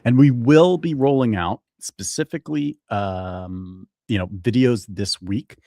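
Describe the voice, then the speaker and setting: A man's voice: mid-range voice, unhurried, gravelly, mellow, no echo, clean studio sound. A young man co-hosting a casual crypto show, talking loosely with many fillers and restarts. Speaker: co-host.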